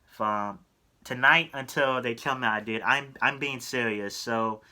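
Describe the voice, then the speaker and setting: A young man talks straight to his viewers in a relaxed vlog. His voice is bright and forward, and he rambles earnestly through his advice, stopping often for ums and self-corrections. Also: mid-range voice, a little slow. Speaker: YouTuber giving collector advice. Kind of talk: casual talking-head vlog.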